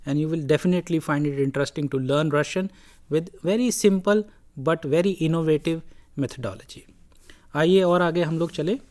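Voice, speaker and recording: Lecturer, very slow delivery, deliberate short phrases, patient explaining, recorded lesson. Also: medium pitch, a little mellow. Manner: patient explaining, repeats key words. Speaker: language lecturer.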